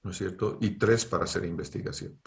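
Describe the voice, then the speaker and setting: Here a middle-aged man with a Bolivian accent runs an online engineering class by video call, checking in again and again with a rhetorical "¿no es cierto?" His low, creaky voice moves fairly quickly with fairly even intonation. There's reverb and a slight background noise.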